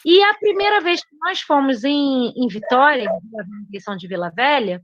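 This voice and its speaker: High-voiced woman on dull call audio. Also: expressive, brisk, no room sound. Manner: hesitant, with many fillers and restarts. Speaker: student. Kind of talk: telling a personal story in class.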